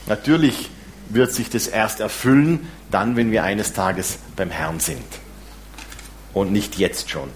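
A man preaching a sermon, lively and warm in his asides, with some self-deprecating humor. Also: medium pitch, a little hiss or hum. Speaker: pastor.

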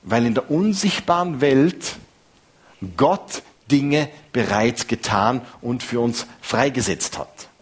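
A man, preaching a sermon in a lively, conversational way. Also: mid-range voice, takes it slowly, slightly rough. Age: 50s.

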